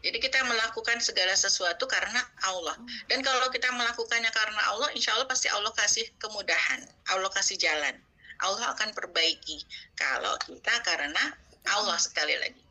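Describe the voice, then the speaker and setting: A middle-aged woman from Indonesia teaching a Quran study session in a casual, chatty way, with homely asides and soft laughs. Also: medium pitch, brisk. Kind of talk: casual religious study talk.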